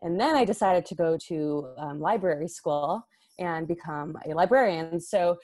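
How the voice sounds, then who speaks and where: Thoughtful woman guest, low-pitched voice. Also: moderate pace, warm tone. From Chicago suburbs, USA. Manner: thoughtful, laughs easily, many "um" and "like". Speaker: podcast guest, library director. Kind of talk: casual podcast interview.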